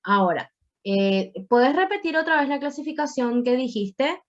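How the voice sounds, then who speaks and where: A woman's voice: high-pitched, lively intonation, moderate pace, highs cut off. A woman teaching a Spanish grammar class online, explaining patiently with playful asides to her students.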